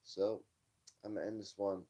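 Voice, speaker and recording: A man's voice: fairly low pitch, level tone, normal speed, dark tone. A tired, yawning man casually reading news stories aloud on a live stream, stumbling over words and tossing off dismissive asides. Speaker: livestream host.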